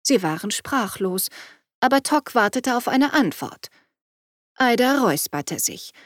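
A woman reading a novel aloud in an even storytelling delivery. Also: on the high side, unhurried, dry recording, studio quality. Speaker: audiobook narrator. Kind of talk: scripted narration.

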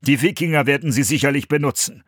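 A man's voice: mid-range voice, fast, husky, no room sound, clean studio sound, pitched above the performer's own voice, lightly acted. A man voicing an adult monk giving directions in a storybook reading. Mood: urgent. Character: adult male monk, calm leader.

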